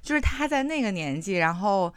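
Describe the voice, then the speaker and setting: A woman's voice: medium pitch, sing-song, fairly quick, smooth, no echo, studio quality. A woman co-hosting a podcast, talking in a chatty, reflective way with many fillers. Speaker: podcast co-host. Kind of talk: casual chat.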